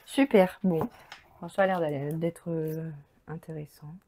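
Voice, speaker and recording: Woman host, casual unboxing chat, mellow tone, eager and rambling. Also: sits low, fairly even intonation, unhurried, a little hiss or hum. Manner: chatty, enthusiastic, thinks aloud with many fillers. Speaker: crafting channel host.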